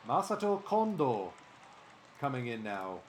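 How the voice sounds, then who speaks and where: Lively male streamer calling plays. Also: mid-range voice, a little slow, a little hiss or hum. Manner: animated sportscaster-style calls. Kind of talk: play-by-play commentary while gaming.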